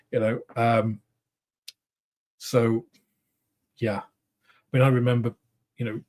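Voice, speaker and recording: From a home studio room, a middle-aged Brit running a relaxed model-making livestream responds to viewers, musing and rambling with frequent pauses and restarts. He speaks at medium pitch with a flat, slightly mellow delivery.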